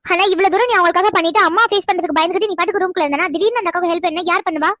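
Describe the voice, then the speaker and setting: A woman's voice: very high-pitched, rapid-fire, bright, forceful tone, no echo, clean studio sound. A woman voicing a bossy, practical young woman in a cartoon who lectures her friend. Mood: lecturing. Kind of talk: animated cartoon dialogue.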